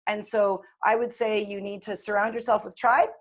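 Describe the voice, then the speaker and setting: Brief: woman, late forties, coach telling her story, earnest and reflective, mid-pitched voice. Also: flat delivery, moderate pace. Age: 40s. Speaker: guest coach. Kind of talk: casual interview chat.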